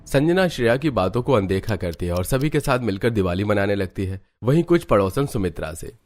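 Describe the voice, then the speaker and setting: A man narrating a Hindi family cartoon story in a steady storytelling manner. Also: fairly low pitch, fairly quick.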